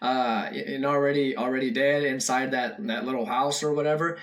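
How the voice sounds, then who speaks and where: A man's voice: medium pitch, fairly even intonation, normal speed, a bit bright. A young man giving casual, rambling reaction commentary on a short horror film, full of fillers and restarts. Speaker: video reactor.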